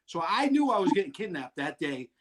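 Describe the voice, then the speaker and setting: A man telling wild stories in an animated way, loudly acting out what people said and laughing often. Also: sits high, a little fast, a little hiss or hum. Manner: excitable, acts out quotes loudly, laughs often. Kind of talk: animated storytelling.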